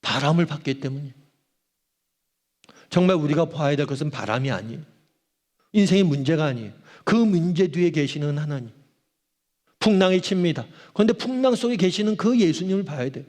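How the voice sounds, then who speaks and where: A man's voice: on the high side, expressive, fairly quick, long pauses, a little mellow. A man, a pastor, preaching a sermon and asking the congregation questions as he drives his point home. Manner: emphatic preaching, asks the congregation questions and acts out cries to God. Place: church auditorium. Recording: long hall reverb.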